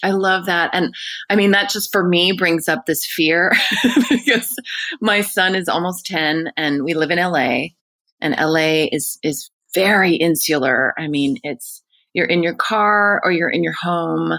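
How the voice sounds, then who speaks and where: A middle-aged woman hosting a casual interview, chatting in an animated, gushing way. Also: on the low side, unhurried, no echo. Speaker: podcast host.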